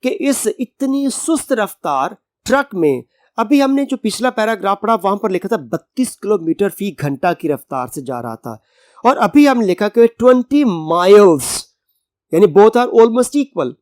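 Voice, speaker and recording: A male English teacher with a Pakistani Urdu accent, giving a college lecture. He reads the English lines slowly, word by word, then explains them in Urdu with synonyms and everyday examples. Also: high voice, sing-song, no echo.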